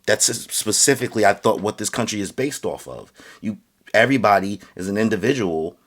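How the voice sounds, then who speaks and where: With lively intonation, a male vlogger offers an earnest, halting rant of opinion to camera, full of fillers and restarts, getting louder and higher as the heat builds.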